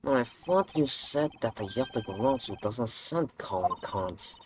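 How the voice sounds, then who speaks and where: A woman voicing a formal, weary adult male prosecutor in a video game, speaking in a dry, measured way. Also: very deep voice, animated, slight background noise. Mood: doubtful.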